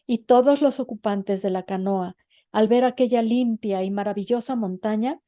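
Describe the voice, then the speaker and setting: A woman reading a novel aloud in measured, expressive scripted narration. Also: mid-range voice, no echo, studio quality. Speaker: audiobook narrator.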